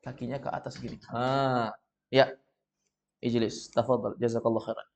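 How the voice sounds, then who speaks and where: A man with an Indonesian accent teaching a classroom lesson, patiently correcting students step by step and reading sentences out slowly. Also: mid-range voice, little pitch movement, creaky. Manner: reads sentences out slowly and loudly. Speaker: Arabic teacher. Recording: dull lo-fi recording.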